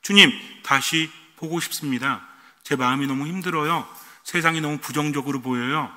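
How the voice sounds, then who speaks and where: A desperate blind beggar man, as a preacher puts him on pleads humbly for mercy. His voice is bright and forceful and rings with the long reverb of a church. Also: on the high side, moderate pace. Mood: pleading.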